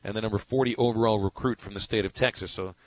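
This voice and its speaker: A man's voice: lowish voice, fairly even intonation, fast, slight background noise, poor audio. A man co-hosting a sports radio show, talking casually and telling rambling stories with many restarts.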